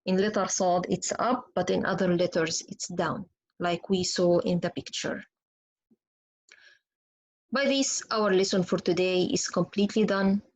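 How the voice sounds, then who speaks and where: A woman's voice: on the low side, fairly even intonation, measured pace, poor audio. A woman whose first language is Arabic, teaching Quran pronunciation in an online lesson and demonstrating letter sounds patiently.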